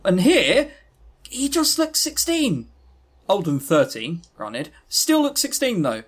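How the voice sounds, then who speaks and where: In a casual visual novel review chat, a podcast co-host talks games in a medium-pitched, sing-song voice, taking it slowly. The tone is exasperated and emphatic, with plenty of swearing.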